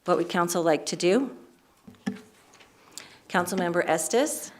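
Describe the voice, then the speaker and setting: A woman chairing a city council meeting, brisk and procedural with friendly asides. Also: fairly low pitch, lively intonation. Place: council chamber. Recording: echoey chamber mic.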